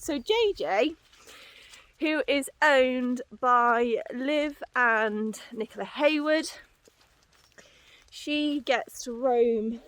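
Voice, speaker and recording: A woman's voice: fairly high pitch, fairly bright tone, dry recording. A woman vlogging casually outdoors as she walks, out of breath and puffing while she talks. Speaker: horse owner and vlogger. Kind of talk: casual vlog chat while walking. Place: outdoors on paddocks and hilly, boggy ground.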